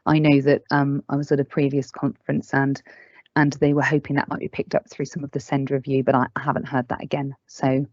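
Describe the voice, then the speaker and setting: A woman's voice: a bass voice, completely flat delivery, a little fast, a little mellow, dry recording. A woman presenting at an online learning event, answering questions earnestly and candidly. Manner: earnest, candid, emphatic about staff and families. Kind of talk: webinar presentation and Q&A. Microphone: video call. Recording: dull, dry lo-fi call audio.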